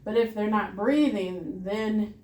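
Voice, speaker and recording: A woman's voice: medium pitch, slow, mellow. Encouraging woman teaching a CPR class. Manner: patient, encouraging, practical. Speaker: CPR instructor. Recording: roomy classroom sound.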